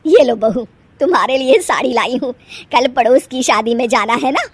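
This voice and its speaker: A woman voicing a bossy middle-aged stepmother who scolds loudly and favours her own son, in a storybook tale. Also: on the high side, moderate pace, slightly rough, dry recording. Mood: sweetly bossy. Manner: scolding, loud and commanding. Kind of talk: storybook voice acting.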